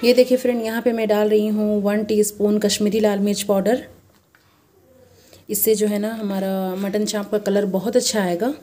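A woman's voice: mid-range voice, level tone, normal speed, dark tone. A woman hosting a casual home cooking demonstration, chatting with viewers as friends and explaining each step. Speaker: cooking channel host. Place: home kitchen at the stove. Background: frying and sizzling from the pan.

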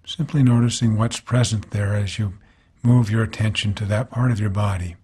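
Speaking in gentle, unhurried phrases broken by pauses, a teacher calmly leads a body scan meditation. He has a lowish voice with a breathy edge.

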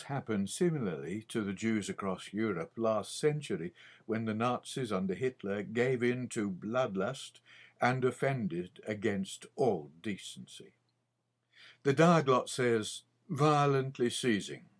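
An older man with a lowish voice reads his own scripted commentary on the Bible, measured and deliberate, pausing frequently.

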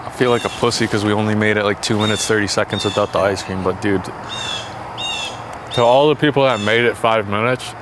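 Brisk and fairly even, with a voice on the low side, a young man who does challenge vlogs grumbles with profanity that spicy food has set his mouth burning. A camera a few steps off records him on a backyard wooden deck, and the outdoor audio is noisy, with traffic in the background.

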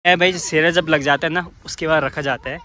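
A man's voice: on the high side, a little fast. A man from Uttarakhand, chatting and teasing in a casual outdoor village vlog. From Uttarakhand, India. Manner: playful, teasing, loud bursts of excitement. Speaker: vlogger. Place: outdoor village rice fields. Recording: outdoor field with crowd noise.

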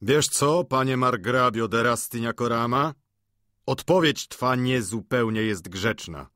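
A man's voice: lowish voice, big pitch swings, slightly rough, no room sound, studio quality, exaggerated voice. A man voicing sly cynical schemer Vautrin. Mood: mocking. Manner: mocking, slow and deliberate. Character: sly cynical middle-aged male schemer.

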